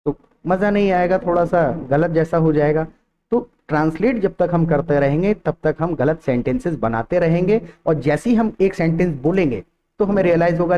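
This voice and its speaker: A man gives a spoken English lesson. His voice is mellow and dark in tone but sits a little high in pitch. He explains in Hindi, then says each English example slowly and repeats it, and the recording sounds a bit muffled. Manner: switches between Hindi explanation and slow, carefully repeated English example sentences. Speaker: English teacher.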